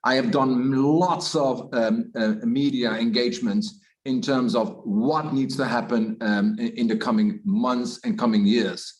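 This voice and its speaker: Male executive keynote over video call, hesitant delivery, ordinary pitch. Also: fairly even intonation. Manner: halting, many uh fillers. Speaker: keynote speaker, organization head. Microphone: video call microphone.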